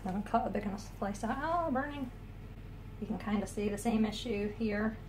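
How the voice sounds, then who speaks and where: A middle-aged woman vlogging from her home kitchen, self-deprecating and halting, full of ums, filmed on a phone. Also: medium pitch, level tone, darkish tone, roomy sound, slight background noise. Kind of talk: casual kitchen vlog. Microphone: phone camera.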